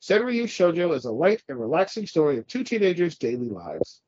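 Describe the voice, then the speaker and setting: Brisk and congested, a Californian podcast co-host chats casually, rambling, cursing, and laughing often. His fairly high voice swings widely in pitch, with a darkish tone and a breathy edge, in a dry, muffled recording.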